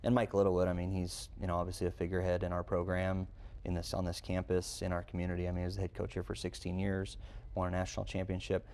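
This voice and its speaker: A man with a deep, monotone, darkish voice talks fast as a college baseball head coach giving unscripted interview answers. He sounds conversational and earnest, building his points through repetition.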